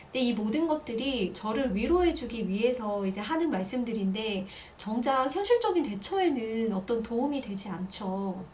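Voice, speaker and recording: A woman's voice: fairly high pitch, moderate pace, few pauses, slight background noise. Chatty woman parenting vlogger. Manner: chatty, lively, acts out quoted voices. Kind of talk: casual talk to camera.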